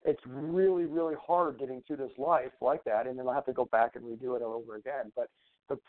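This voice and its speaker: A man in a relaxed interview, talking at an everyday middle pitch. He rambles and repeats himself and drops in a swear now and then. His voice comes over a thin, phone-like line. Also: a little fast. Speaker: guest, natural medicine practitioner. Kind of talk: conversational interview talk.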